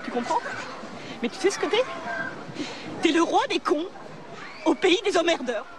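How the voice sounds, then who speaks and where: A woman's voice: very high-pitched, very animated, moderate pace. An actress playing an exasperated, foul-mouthed young woman with a short temper in a film, speaking to a child. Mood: furious, ranting. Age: young adult. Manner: coaxing, then explosive, foul-mouthed. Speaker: actor in a comedy film. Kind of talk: film acting. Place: outdoor public swimming pool lawn. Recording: noisy outdoor crowd behind.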